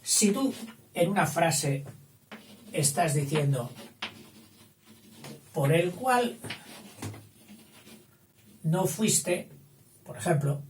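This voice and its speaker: A man's voice: a little high, animated, very slow, long pauses. A man teaching a grammar lesson, explaining patiently and checking in with a frequent "eh?". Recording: roomy echo, distant mic, faint hiss.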